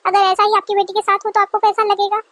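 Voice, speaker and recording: Woman voicing a cartoon young wife, indignant and complaining, very high voice, dry close sound. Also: flat delivery, fast, a bit bright, no room sound. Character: young newlywed wife, defiant and aggrieved.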